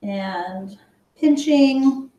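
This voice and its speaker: The recording is muffled, with an echoey room, and the woman's voice sits high and mellow. Talking to her young viewers as "guys," she runs a live online kids' cooking class from her home kitchen, chatting slowly through each step.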